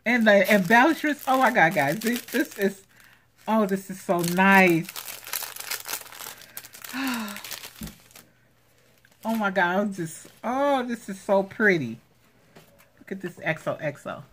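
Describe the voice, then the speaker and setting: Gushing slow-talking woman. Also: medium pitch, slight background noise. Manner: gushing, excitable, repeats exclamations. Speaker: craft channel host. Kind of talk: unboxing vlog. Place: home. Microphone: handheld camera.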